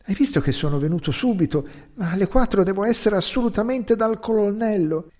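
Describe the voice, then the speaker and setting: A man's voice: high-pitched, expressive, fairly quick, dark tone, voice pushed up. A man doing an awkward army captain. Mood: uneasy. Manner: stammering, awkward. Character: embarrassed army captain, uneasy and evasive.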